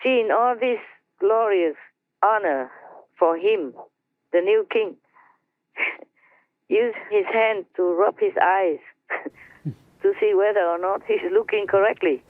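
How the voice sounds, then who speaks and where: A woman slowly telling a story to her team over a conference line, chatty and laughing between phrases. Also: medium pitch, dry recording. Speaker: spiritual teacher telling a story. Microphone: phone or conference line. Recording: tinny dry phone line.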